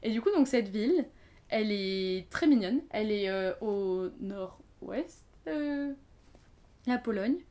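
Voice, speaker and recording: A woman's voice: medium pitch, animated, slow pace, darkish tone. Chatty young woman, casual talk. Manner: chatty, many fillers and restarts. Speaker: podcast guest. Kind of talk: casual conversation.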